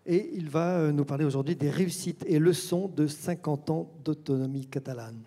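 A man's voice: a little high, moderate pace, vocal fry, mellow. An older man introducing the next speaker at a conference as its presenter. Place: large stage in an auditorium. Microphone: handheld microphone. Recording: reverberant hall, audience noise.

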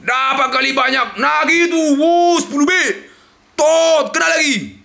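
A young man, giving loud, excited commentary on a slot game as he plays, swinging between yells and mutters. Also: very high-pitched, unhurried, gravelly. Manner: loud, shouting and exclaiming, jumpy swings between yelling and muttering.

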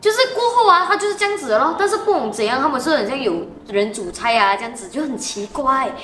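A woman co-host, telling a ghost story in an animated, dramatic way in casual chat. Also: high voice, fast, roomy sound.

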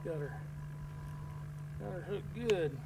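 A folksy middle-aged fishing vlogger gives casual commentary while fishing from a small boat on an open lake, breaking into excited bursts as he lands fish. His voice sits high, with a slow pace and vocal fry. A wide-angle camera mounted at the stern records him outdoors, catching wind and water noise.

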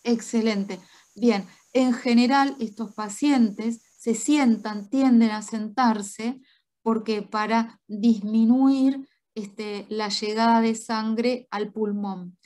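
A woman doctor giving a spoken medical lecture, explaining step by step and checking in with quick tag questions. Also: on the high side, fairly even intonation, mellow.

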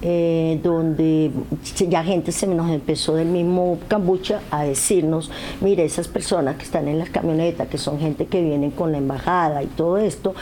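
A woman's voice: low-pitched, steady tone, moderate pace, mellow, slight background noise. An older woman giving interview testimony indoors, speaking hesitantly with many fillers and restarts. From Colombia and Venezuela. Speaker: interviewee, aid volunteer. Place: living room indoors.

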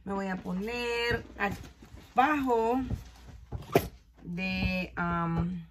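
A woman's voice: medium pitch, very slow, background noise. A woman, chatting casually and switching between Spanish and English as she films a beauty vlog. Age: 20s. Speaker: beauty vlogger. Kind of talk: casual get-ready-with-me chat. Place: small bedroom indoors.

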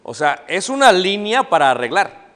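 A man's voice: high-pitched, moderate pace. A middle-aged man with a Mexican accent preaching a sermon, quizzing the congregation and acting out the people he quotes. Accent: Mexican Spanish. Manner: animated, asks the congregation questions and acts out quoted people. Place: church hall. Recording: long church hall reverb.

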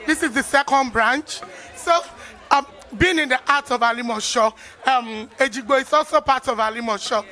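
A Nigerian woman presenting live from a busy event, excited and gushing with praise as she interviews guests. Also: high-pitched, moderate pace, soft background music. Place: busy salon during a launch event.

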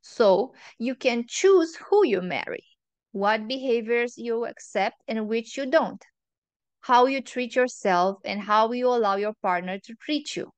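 A relationship advice host delivers an earnest, opinionated monologue, working through her points one at a time. Her slightly high voice is smooth, clean and animated, and she speaks slowly. The recording is close and dry, with no room sound.

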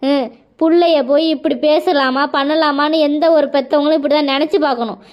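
A woman's voice: high-pitched, steady tone, a little fast, lo-fi sound, lightly acted. A woman voicing a tearful young husband in a cartoon, pleading and emotional. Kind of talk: cartoon voice acting.

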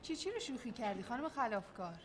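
A teasing, level-headed friend. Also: female voice, a little high. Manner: teasing, then calming.

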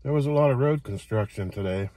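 A man in his sixties chatting casually to camera from inside a parked car, making short, unhurried remarks. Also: medium pitch, warm tone, dry recording. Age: 60s. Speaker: vlogger. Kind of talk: casual chat to camera while eating.

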